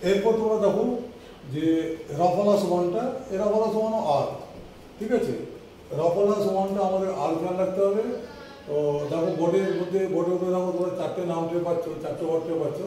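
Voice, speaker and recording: Teaching English at the board, this high-voiced man moves slowly and patiently, regularly checking that his students are following. His mellow voice has fairly even intonation and sounds distant, caught in a very echoey room with a faint hiss underneath.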